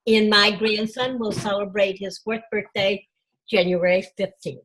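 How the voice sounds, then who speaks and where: An older woman telling a personal story to a support group over a video call, pausing often with fillers. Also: medium pitch, fairly even intonation, a bit bright, slight background noise, low-quality recording. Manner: halting, many fillers. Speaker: group member.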